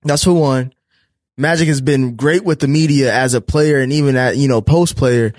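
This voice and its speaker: A man's voice: medium pitch, normal speed, no room sound, clean studio sound. A man co-hosting a sports podcast, talking animatedly and often restarting his words as he jumps into the debate. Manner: animated, talks over others, repeats words when starting. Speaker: podcast co-host.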